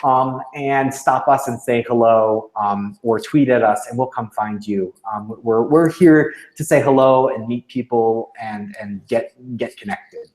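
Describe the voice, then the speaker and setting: A man of middling pitch talks through event plans in a casual, informative way. He stops and starts a lot, filling gaps with "uh" and "um". His voice bounces around an echoey room. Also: darkish tone. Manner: halting, many fillers and restarts. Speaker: organization representative on a livestream.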